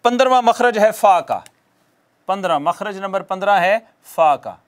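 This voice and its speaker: A man with a fairly high voice teaches a recitation lesson for television. He talks patiently and repeats himself, asks the viewer questions and answers them. When he demonstrates a sound, he slows right down. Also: lively intonation. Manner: patient, repeats key points and quizzes the viewer.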